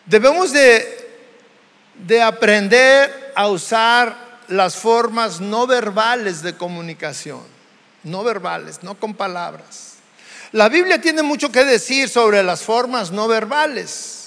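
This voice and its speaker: This is a sermon from a Mexican pastor who speaks at an unhurried, deliberate pace in a voice pitched high for a man. The tone is expressive and a touch bright, shifting repeatedly for emphasis, while the church hall wraps everything in a long reverb.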